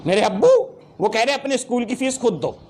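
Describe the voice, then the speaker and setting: Very high-voiced laughing male trainer. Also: a little fast, slight background noise. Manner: lively, laughing, playful. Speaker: sales trainer. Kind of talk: motivational training talk.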